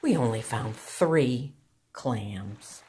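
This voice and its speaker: Reading a picture book to young children, a low-voiced woman moves at a very unhurried pace. She shapes each phrase deliberately and expressively, much like a storytime teacher. Slight background noise is present.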